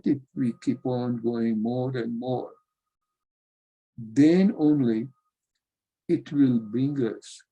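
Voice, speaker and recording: A man's voice: medium pitch, creaky, mellow, husky, dull audio. A man teaching yoga philosophy in an earnest spiritual talk, addressing listeners as dear friends.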